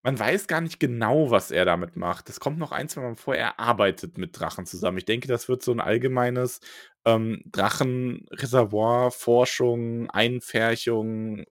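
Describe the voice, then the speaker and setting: Man, co-host, casual book chat, middle pitch, relaxed retelling, dry recording. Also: dry recording. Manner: relaxed, retells scenes in quick asides.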